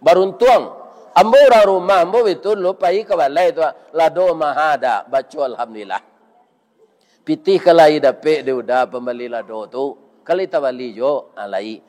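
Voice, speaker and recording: Older folksy Minangkabau preacher. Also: male voice, a little high, normal speed, a little mellow. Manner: folksy, bantering, keeps asking "iya kan?". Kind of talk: village sermon with crowd questions.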